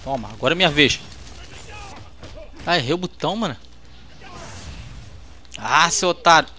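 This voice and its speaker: A man with a Brazilian accent giving excitable, trash-talking commentary while playing a fighting game. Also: fairly high pitch, normal speed. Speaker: gameplay host. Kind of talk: let's-play commentary.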